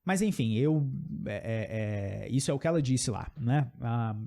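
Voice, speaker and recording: A Brazilian man, a native Portuguese speaker, gives an English pronunciation lesson, saying example words slowly and often checking in with "ok?". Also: mid-range voice, expressive, gravelly, dark tone. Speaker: English teacher.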